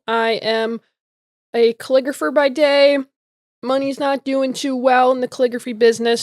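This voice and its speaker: A woman's voice: on the high side, dry recording, clean studio sound. A woman introducing her character on a role-play podcast, playful and chatty. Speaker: player. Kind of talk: casual chat.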